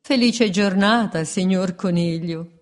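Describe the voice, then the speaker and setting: A woman voicing a gentle, polite male wolf who is timid and bewildered, stammering when scared. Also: on the low side, slow pace. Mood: meek.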